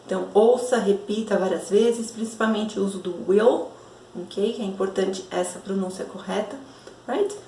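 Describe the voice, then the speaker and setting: A woman's voice: mid-range voice, moderate pace, dark tone, distant mic. A Portuguese-speaking woman with a Brazilian accent teaches an English lesson, switching between the two languages and checking in with "ok?" after nearly every sentence. Her voice sits a little back from the mic in a roomy, echoey space. A faint hum of ambience runs underneath.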